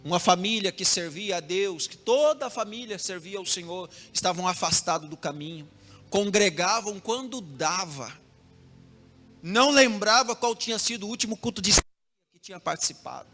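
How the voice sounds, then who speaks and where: A young adult pastor with a Brazilian Portuguese accent preaches a sermon in a church hall, telling a story with rhythmic repetition and addressing the congregation directly. His high voice is animated, pushed and bright at a normal pace, recorded with long hall reverb and music in the background.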